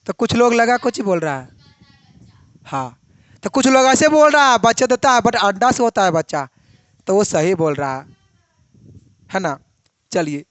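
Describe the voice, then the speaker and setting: A woman's voice: high-pitched, a bit bright, no room sound. A woman teacher giving a biology lesson, asking the class questions and then answering them herself.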